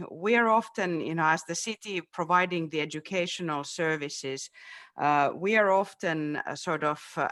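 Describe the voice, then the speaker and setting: Over a video call, a Finnish man whose first language is Finnish speaks as a city education official in a webinar discussion. His fairly high voice sounds pushed and bright, and he's hesitant, with lots of fillers and restarts.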